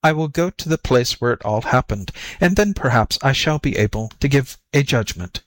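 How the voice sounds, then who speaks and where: A man voicing a sly storybook jackal who acts flustered and slow-witted, fretful and full of exclamations. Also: medium pitch, animated, no room sound, natural voice. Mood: puzzled, curious. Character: sly jackal feigning muddled, whimpering stupidity. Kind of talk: storybook character voice.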